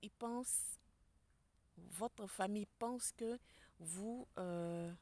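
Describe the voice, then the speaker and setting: A woman giving a spiritual tarot reading to her viewers, speaking softly and quietly in a public place. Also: medium pitch, very slow, no room sound. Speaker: tarot card reader. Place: public place outdoors with people nearby.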